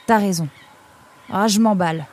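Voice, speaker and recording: A woman voicing a furry male creature who frets and protests in a raised, excitable voice. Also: mid-range voice, moderate pace, lightly acted. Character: big furry male creature, fretful and touchy.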